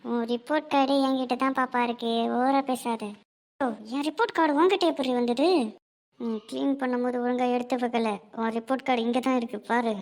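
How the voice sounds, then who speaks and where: A woman's voice: sits high, fairly even intonation, brisk, darkish tone. A woman voicing two young sisters in a homemade cartoon, one bossy and one cheeky, teasing and whining at each other. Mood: bickering. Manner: bickering, teasing, sing-song whining.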